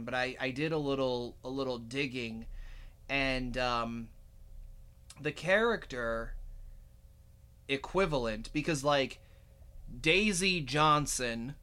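Bright-voiced man hosting a podcast. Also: medium pitch, smooth. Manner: rambling, many fillers and restarts. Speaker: podcast host. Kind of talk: casual podcast chat.

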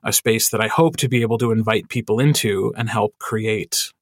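A man who narrates audiobooks, chatting in a podcast interview with lots of fillers and animated asides. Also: on the low side, normal speed, no room sound, clean studio sound.

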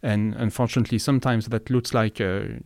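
A man's voice: fairly low pitch, steady tone, fairly quick, gravelly, a little mellow, dry recording, clean studio sound. A man hosting an academic interview podcast, hesitant and searching for words as he frames questions. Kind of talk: conversational interview.

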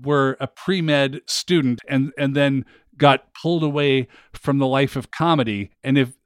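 A man's voice: mid-range voice, measured pace, smooth. Male host, mid-range voice, wry and conversational, for podcast narration and interviews. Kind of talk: scripted narration and casual interview.

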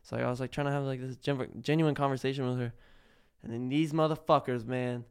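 This podcast guest, a man who makes prank videos, talks quickly in a clean, steady, medium-pitched voice. His story wanders in casual chat, riddled with restarts and the word "like."

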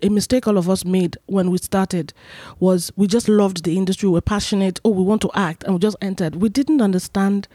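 A woman's voice: mid-range voice, steady tone, brisk, mellow, dry recording, studio quality. A woman speaking as a podcast guest in casual, emphatic interview chat, repeating phrases for weight.

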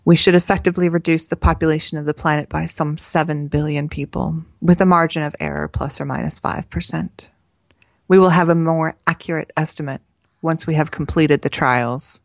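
A woman's voice: deep voice, fairly even intonation, moderate pace, no room sound. Woman reading as a cold, lecturing male scientist. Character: scheming male scientist unveiling a deadly virus.

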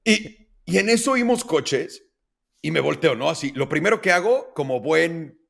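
A man's voice: a little high, moderate pace, creaky. A man in his late thirties with a Mexican accent, co-hosting a casual podcast chat and telling stories full of slang and swearing. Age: late 30s. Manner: animated, swearing slangy storyteller. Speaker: podcast co-host.

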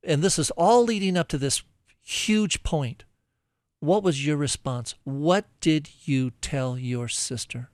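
A man's voice: fairly high pitch, slow, no echo. A man hosting a radio interview, leading his guest and finishing her sentences. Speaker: radio host.

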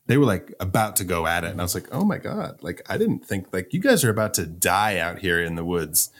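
A man with a very low voice recaps a movie for his co-hosts in casual podcast chat. He tells it loosely and excitedly, leaning on "like" as he goes. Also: brisk. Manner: animated storytelling with lots of "like". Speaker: podcast co-host.

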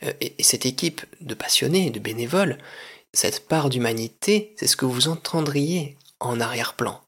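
Husky man, deadpan mock-formal host. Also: medium pitch, normal speed. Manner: deadpan, pompous announcer delivery. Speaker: podcast host and narrator. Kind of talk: mock-formal comic radio presenting.

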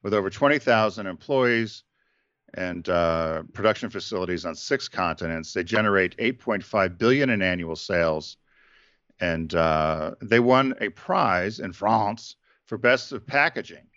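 A man's voice: sits low, expressive, unhurried, fairly bright tone, dry recording, muffled recording. A man co-hosting a casual business talk show, rambling with many fillers and restarts. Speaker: podcast co-host.

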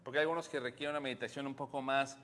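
A man's voice: mid-range voice, fairly even intonation, rapid-fire, a bit bright. A man with a Mexican accent co-hosting a casual podcast, explaining at length and laughing often. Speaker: podcast co-host.

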